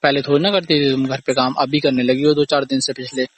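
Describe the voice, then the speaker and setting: Medium-pitched and a bit rough, his voice stays fairly even as he talks quickly. The young man, a boyfriend or husband, is heard on a phone recording in a casual argument, accusing and aggrieved and going over the same points again and again.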